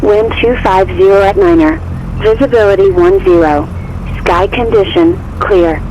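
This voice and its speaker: Man, airport weather broadcast over radio, steady measured readout, dull lo-fi sound, faint hiss. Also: high-pitched. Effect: recorded airport weather broadcast over aircraft radio. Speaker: automated airport information announcer. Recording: muffled radio audio with faint noise.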